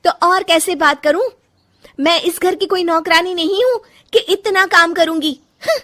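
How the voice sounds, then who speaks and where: A woman voicing a frustrated young daughter-in-law in a cartoon story, giving sharp, resentful retorts. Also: extremely high pitch, unhurried, heavily acted.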